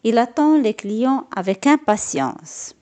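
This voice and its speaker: A woman narrating a children's storybook aloud in a slow, expressive, lilting way. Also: fairly high pitch.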